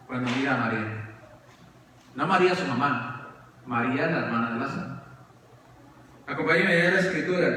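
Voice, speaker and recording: A man preaching a sermon in a church, his voice high and bright and far from the mic. Long reverb fills the hall, with faint room noise behind him. He swings from raised questions to hushed, low emphasis. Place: church sanctuary.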